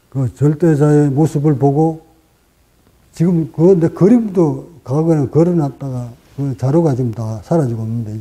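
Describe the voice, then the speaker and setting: A man teaching as a Buddhist meditation master, speaking in short, deliberate phrases with pauses and rising for emphasis. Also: a little high, mellow, rough recording. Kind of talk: dharma talk.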